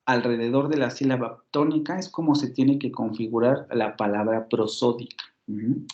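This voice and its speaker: A man's voice: medium pitch, darkish tone. A Mexican man teaching a university phonetics class, explaining patiently, repeating words and correcting himself as he goes. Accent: Mexican Spanish. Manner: patient, repeats and self-corrects, fillers like "ujú". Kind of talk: online lecture explaining on slides. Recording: slightly muffled lo-fi recording.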